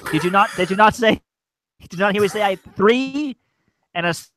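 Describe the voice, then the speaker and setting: A man playing an obtuse, stubborn, wisecracking police inspector in a comic radio play, halting and deadpan. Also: high voice. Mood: exasperated. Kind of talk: loose comic live parody of old-time radio drama. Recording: noticeable background noise and clicks.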